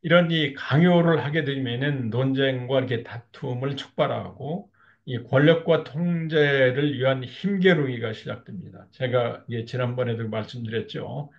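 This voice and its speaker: Male marriage counselor, lecture delivery, gravelly, slightly muffled lo-fi audio. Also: mid-range voice, normal speed. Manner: steady explanatory tone with frequent fillers like "이렇게". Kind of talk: lecture on couple communication.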